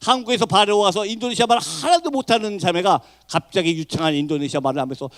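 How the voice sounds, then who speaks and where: A middle-aged man, a missionary preacher, giving an impassioned sermon that swings from hushed tones to shouting. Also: sits high, expressive, quick pace.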